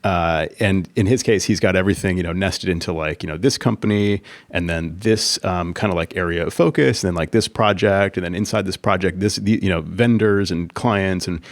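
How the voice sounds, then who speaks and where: A podcast co-host who works as an Apple consultant tells a long work story in casual chat, rambling with lots of fillers and restarts. He has a low voice, speaks a little fast with few pauses, and the recording is dry.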